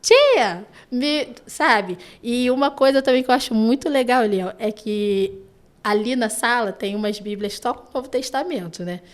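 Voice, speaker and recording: A woman with a Brazilian Portuguese accent, a children's ministry teacher, chatting on a podcast and telling lively stories with lots of "né" and "sabe". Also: a little high, moderate pace. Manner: animated storytelling, frequent "né" and "sabe". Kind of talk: casual podcast chat.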